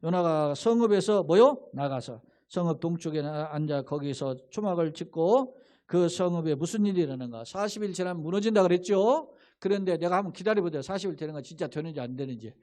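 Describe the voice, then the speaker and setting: High-voiced Korean pastor preaching. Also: male voice, lively intonation, fairly quick. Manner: preaching with loud rising calls to the congregation; asks the congregation questions and answers them himself. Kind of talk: sermon. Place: church sanctuary.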